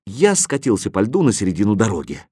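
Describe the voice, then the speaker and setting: Lively male storybook narrator. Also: on the low side, quick pace, slightly rough, dry recording, studio quality. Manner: expressive, lively reading. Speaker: audiobook narrator. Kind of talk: first-person storybook narration.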